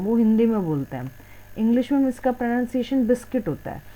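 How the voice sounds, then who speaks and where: A woman's voice: medium pitch, warm tone, low-quality recording. A woman teaching an English exam lesson, switching between Hindi and English and posing questions she then answers herself. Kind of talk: explaining a lesson.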